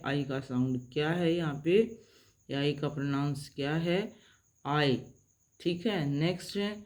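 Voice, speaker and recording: Woman teacher, mellow dark tone, slow and deliberate, spells out and sounds out words for a pronunciation lesson. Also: deep voice. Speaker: English teacher. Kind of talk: lesson on English vowel pronunciation.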